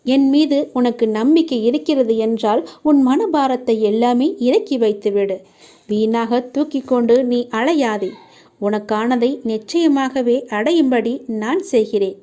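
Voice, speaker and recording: A woman gives a devotional message in a gentle, reassuring voice, speaking straight to the listener as if in a deity's own words. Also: a little high, a little slow.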